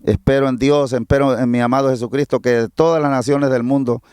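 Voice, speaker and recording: Man, Mexican Spanish accent, exhorting preacher, repeats himself, mid-pitched, dry recording. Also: steady tone, brisk, darkish tone, smooth, no room sound. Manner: fervent, repetitive, exhorting. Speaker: preacher giving a testimony. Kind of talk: preaching testimony on a livestream.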